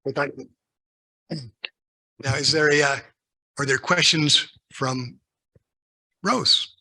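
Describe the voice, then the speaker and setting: A man's voice: medium pitch, slow, bright, forceful tone, poor audio. A man hosting a forum panel, upbeat and encouraging. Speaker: forum facilitator.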